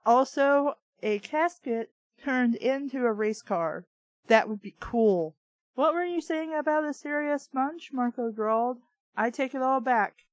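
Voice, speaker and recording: A woman hosting a bad-fiction reading show reads a story aloud, cutting in with blunt, exasperated, sarcastic remarks laced with swearing. Her voice is high and her pace measured. The audio quality is poor, though there is no room sound.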